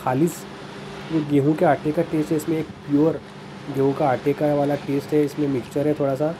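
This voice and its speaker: In a small café with noisy surroundings, a male food vlogger narrates a casual review in a brisk, flat, high-leaning voice. He's chatty and enthusiastic, though some hesitant fillers slip in.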